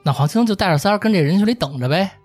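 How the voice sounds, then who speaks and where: A man's voice: high-pitched, animated, very fast, darkish tone. Beijing-accented man telling stories over music. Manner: acts out characters' dialogue as he narrates. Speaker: host telling a history story. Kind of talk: casual, colloquial storytelling with banter.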